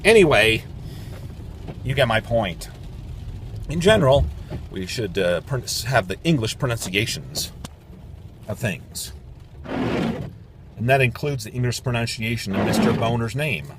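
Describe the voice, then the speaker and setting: A man's voice: mid-range voice, lively intonation, unhurried, pauses often, background noise. A man delivering a sarcastic, mocking political rant, repeating words in a singsong way. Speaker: political commentator. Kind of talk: ranting monologue.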